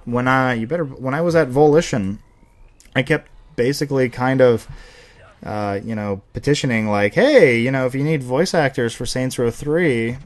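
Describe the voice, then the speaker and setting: This mid-range male voice moves at a normal speed. He's a twenty-something host of a casual viewer Q&A show, fielding questions with profane, meandering, self-mocking rants.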